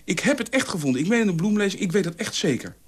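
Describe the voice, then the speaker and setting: A man's voice: very animated, quick pace. A man reading a radio story, voicing a dogmatic, quarrelsome male commune ideologue who scolds and lectures. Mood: ranting. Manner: shrill, scolding, hectoring.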